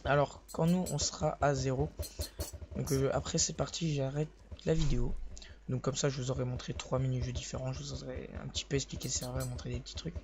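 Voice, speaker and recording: A young man with a sore voice, speaking softly and hesitantly as he comments on his own gameplay, often restarting his sentences. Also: mid-range voice, level tone, a little fast. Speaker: gaming video host. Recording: slightly dull lo-fi recording with faint hiss.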